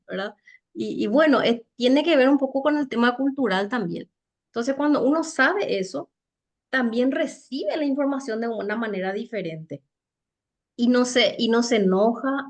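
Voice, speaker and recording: A woman giving a conversational seminar talk on soft skills, chatty and halting, often tagging her points with rhetorical questions. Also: fairly high pitch. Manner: chatty, with frequent rhetorical tag questions and light laughs; loose, halting delivery with many fillers and restarts. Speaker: speaker teaching soft skills for network marketing.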